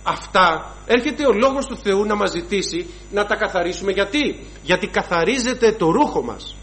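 High-voiced preacher giving an emphatic sermon. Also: male voice, animated, fairly bright tone, rough recording. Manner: emphatic, lists sins in rhythmic runs, addresses congregation as brothers.

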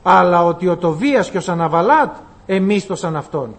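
A man with a high voice preaches to a congregation. He retells a scripture story, acting out the characters' lines. He slows down to read the old-fashioned passages. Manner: lively preaching, acting out quoted dialogue, reading archaic scripture slowly. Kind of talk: sermon on a Bible passage.

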